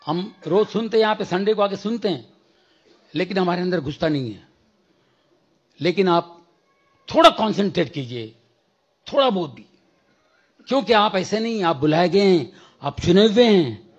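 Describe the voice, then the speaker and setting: A man's voice: high-pitched, animated, moderate pace, pauses often, breathy edge, highs cut off. A man preaching a testimony in church, telling a story with acted-out dialogue, mixing in English phrases. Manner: storytelling, acts out dialogue, bursts into shouting prayer. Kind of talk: sermon testimony.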